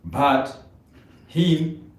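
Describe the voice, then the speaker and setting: A man co-hosting a live stream chats casually in a slightly high voice, speaking extremely slowly. He rambles, repeats words, and uses non-native grammar. His voice sounds echoey and distant, caught by a far-off mic in a reverberant room with faint noise.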